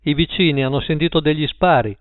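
A man's voice: fairly high pitch, fast talker, dry recording, natural voice. A man reading an audiobook and voicing a policeman who questions a boy firmly. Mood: questioning. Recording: tinny phone-like line.

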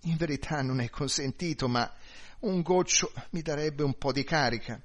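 A man's voice: on the high side, moderate pace, natural voice. Brief: kindly sergeant, read by a man; polite, a little hesitant. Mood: obliging. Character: kindly police sergeant, tired and obliging.

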